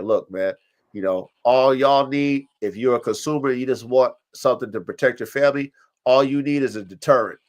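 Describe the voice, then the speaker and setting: Stuffed up with allergies, a man with a lowish voice hosts a live-stream podcast and chats casually about dogs. He swears a lot and gets animated, putting on voices to quote both dogs and owners.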